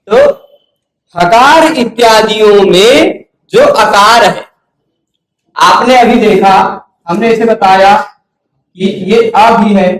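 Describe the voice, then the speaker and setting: A man's voice: sits high, echoey room, low-quality recording. A man teaching Sanskrit grammar in a patient lecture, sounding out syllables one by one and checking that his students follow. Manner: patient, repeats syllables slowly, asks students questions. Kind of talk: explanatory lecture.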